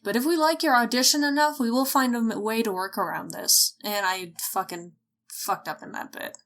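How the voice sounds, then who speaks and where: A woman records a scripted voice-over announcement for a casting call, swearing freely, mocking herself, and frequently stumbling over her lines, with blooper outtakes included. Her voice is a little high and fairly bright, at normal speed.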